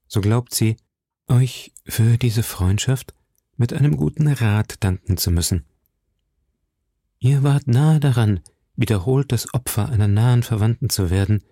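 A refined musketeer, voiced by a male narrator weighs each word softly and precisely. The voice is mellow and gravelly, recorded close and dry. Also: mid-range voice, no echo, full character voice. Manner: soft, measured.

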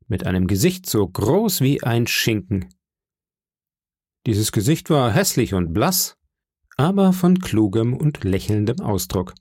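A man narrates a story as an audiobook reader, his delivery measured and expressive. His voice sits in the mid range, and the scripted narration is captured dry with studio quality.

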